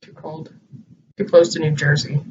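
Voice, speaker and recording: A man's voice: fairly high pitch, little pitch movement, moderate pace. Man, rambling, hesitant, casual co-host chat, off-mic, muffled home recording. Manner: rambling, hesitant, thinking aloud. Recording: distant muffled home recording with light hiss.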